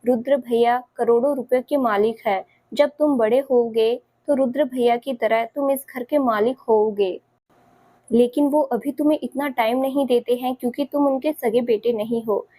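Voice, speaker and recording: A woman's voice: on the high side, fairly even intonation, normal speed, warm tone, dry recording, close to an everyday voice. A woman voicing a spiteful scheming aunt in a spoken story, with a sly, taunting manner.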